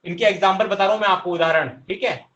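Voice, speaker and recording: Male teacher, high bright voice, slow delivery, drills the class with repeated questions. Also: fairly even intonation, highs cut off. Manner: answers his own questions. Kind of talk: online class lesson.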